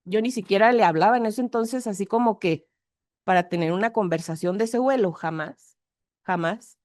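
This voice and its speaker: A woman with a Mexican accent giving a frank, animated personal testimony at a twelve-step meeting. She acts out the people in her story with varied voices and swears now and then. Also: medium pitch, moderate pace, no room sound, studio quality. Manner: frank and earthy, with mild swearing. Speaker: speaker sharing her recovery story.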